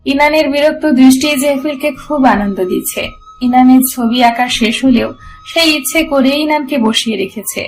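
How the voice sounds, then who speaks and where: A woman narrating a romance audio story in a steady storytelling manner. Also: high-pitched, normal speed, faint music behind, low-quality recording.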